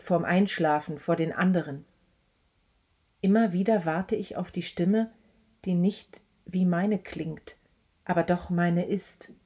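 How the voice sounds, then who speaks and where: Dark-voiced woman reading prose. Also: fairly low pitch, breathy edge. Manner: tense, intense first-person reading. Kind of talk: scripted reading of a literary passage.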